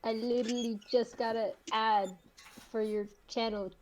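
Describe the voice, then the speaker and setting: A woman player chatting casually, telling stories in a drawn-out way. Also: on the high side, flat delivery, a little mellow, a little hiss or hum, low-quality recording. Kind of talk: casual chat.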